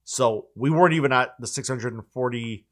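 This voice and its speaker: A man's voice: mid-range voice, brisk, fairly bright tone. Rambling man in his forties. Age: 40s. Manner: rambling, full of likes and restarts. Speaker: channel host. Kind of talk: casual chat.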